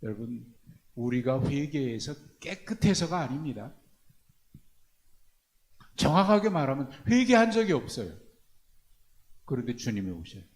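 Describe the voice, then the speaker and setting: A male pastor preaching a sermon, asking his congregation rhetorical questions and swinging from hushed low phrases to loud emphatic ones. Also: sing-song, measured pace, long pauses. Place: church prayer meeting.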